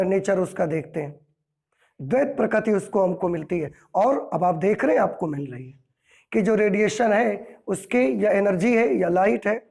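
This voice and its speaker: A male physics teacher lectures with a high-pitched voice. His tone has a rough, gravelly edge. He explains patiently and keeps checking that his students follow with rhetorical questions. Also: a little mellow. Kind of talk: classroom lecture.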